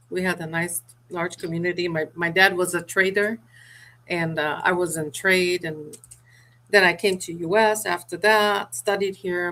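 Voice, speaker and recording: Middle-aged woman from sierra leone, bright lowish voice, businesslike, talks mortgages in an interview. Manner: businesslike, explaining with restarts. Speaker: author and mortgage broker. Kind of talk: interview answers.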